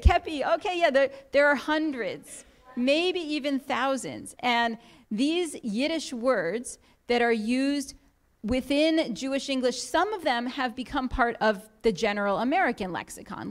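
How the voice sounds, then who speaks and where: A woman giving an explanatory talk to a congregation in a synagogue, lightly humorous and full of quoted examples. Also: on the high side. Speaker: guest speaker. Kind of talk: lecture to a congregation.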